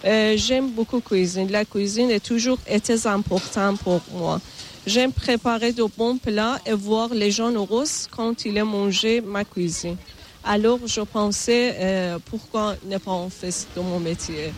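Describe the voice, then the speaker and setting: Slow, careful Iranian woman caterer. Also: medium pitch, slight background noise. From Iran. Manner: slow, careful, hesitant with fillers. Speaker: caterer interviewee.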